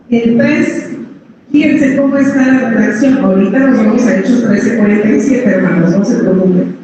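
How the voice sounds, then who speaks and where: Woman preacher, big voice, high pitch, distant and roomy. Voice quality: big, strong voice. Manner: addresses listeners as brothers, drops pitch on each "hermanos". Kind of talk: sermon. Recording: echoey hall, from far off, dull sound, noisy.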